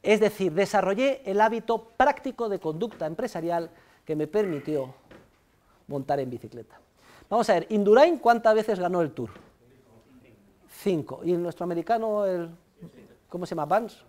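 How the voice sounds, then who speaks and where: In a university classroom, a lively male economics professor from Spain, with a Spanish accent, delivers a lecture. His voice is high and his pace moderate, broken by long pauses. He repeats key points, tags phrases with "¿eh?", and scolds students directly.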